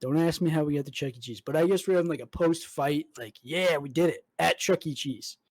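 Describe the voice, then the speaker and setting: Co-hosting a podcast at home, this young man talks fairly quickly in a voice on the high side. His long, rambling story is packed with "like," other fillers and heavy swearing, and the poor audio has no room sound.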